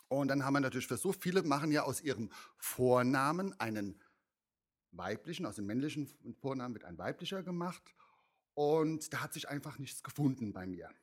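Chatty drag artist man from Mainz. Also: mid-range voice. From Mainz, Germany. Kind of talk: casual interview answers.

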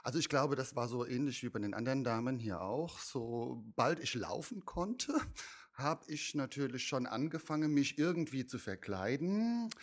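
Drag artist man from Mainz, medium-pitched voice, chatty interview answers. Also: expressive, normal speed. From Mainz, Germany.

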